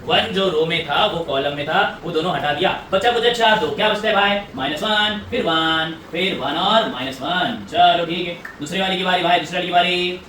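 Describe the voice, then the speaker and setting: A man teaching maths in a classroom, talking briskly, repeating himself and coaxing students along, heard from a distant mic. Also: high voice, sharp tone. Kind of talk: classroom lecture. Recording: echoey room, voice from afar, faint hum.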